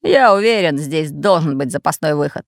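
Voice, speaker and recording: A woman voicing a fat, red-bearded, bossy pirate captain in an audiobook, speaking in a gruff, commanding way. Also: deep voice, lively intonation, normal speed, dry recording, clean studio sound. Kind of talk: audiobook character voice.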